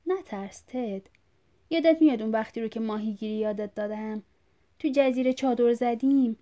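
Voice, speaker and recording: A woman's voice: fairly high pitch, dark tone, close to an everyday voice. A woman voicing a confused old father. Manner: rambling, repeating himself, insistent. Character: confused bleeding old father, agitated and lost. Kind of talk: audiobook reading.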